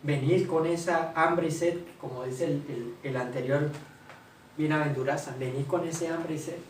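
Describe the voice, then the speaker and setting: High-voiced male preacher in an echoey hall. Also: fairly even intonation, normal speed, slight background noise. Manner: preaches with rhetorical questions, answering them himself. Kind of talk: sermon. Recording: roomy hall, voice from far off, faint ambience.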